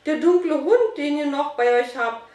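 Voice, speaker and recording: A flustered saleswoman cries out in a piercing, very high voice, put on by a woman reading aloud. She sounds shrill and frantic. The room echoes, and the mic is set back. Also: normal speed, darkish tone, close to an everyday voice. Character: panicked female butcher-shop saleswoman. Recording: roomy, distant mic.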